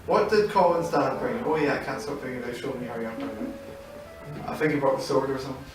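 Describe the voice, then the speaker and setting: A man's voice: medium pitch, quick pace. A man playing the game and commenting with dry, sarcastic jokes. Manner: wry, sarcastic, laughs often. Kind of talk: casual gaming chat. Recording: very echoey room, distant mic. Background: faint game music.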